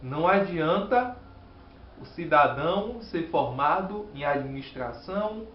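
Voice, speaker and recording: A man with a Bahian Brazilian accent explaining a Sabbath School Bible lesson in an earnest, measured teaching manner. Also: a little high, lively intonation, reverberant, lo-fi sound, a little hiss or hum. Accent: Bahian Brazilian Portuguese. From Salvador, Bahia, Brazil.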